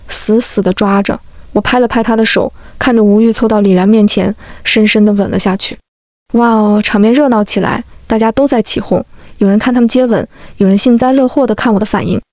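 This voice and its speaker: Female storyteller, fairly high voice, calm and steady delivery, dry close sound. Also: dry recording. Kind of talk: scripted first-person story narration.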